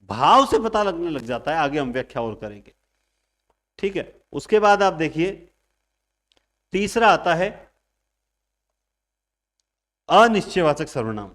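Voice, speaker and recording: A man lectures on grammar in a fairly high voice. He leans hard on key words, swinging his pitch and loudness to drive points home, and slips into a student's voice to ask questions. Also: measured pace, pauses often. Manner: lively, emphatic, stresses words with big pitch and loudness swings; acts out students' questions and everyday examples. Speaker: Hindi grammar teacher. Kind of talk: online exam-prep lecture.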